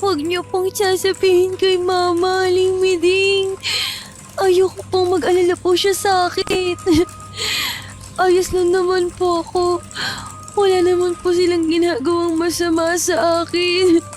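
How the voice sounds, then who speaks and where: A woman voicing a polite, tearful young girl who pleads softly. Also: very high-pitched, moderate pace, long pauses, soft background music, voice pushed up. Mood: pleading.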